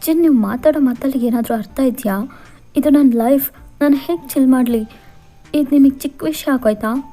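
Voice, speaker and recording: A woman's voice: sits high, normal speed, mellow, soft background music, voice pushed up. A woman voicing a stubborn young bride who argues back with emphatic, indignant force. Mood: hurt, upset. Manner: pleading then defiant, emphatic.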